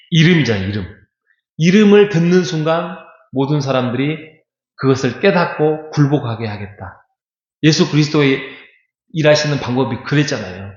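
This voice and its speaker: In an echoey church sanctuary, with a dull lo-fi recording quality, a middle-aged man preaches as pastor in a voice on the high side. His sermon is conversational, full of rhetorical questions aimed at the congregation.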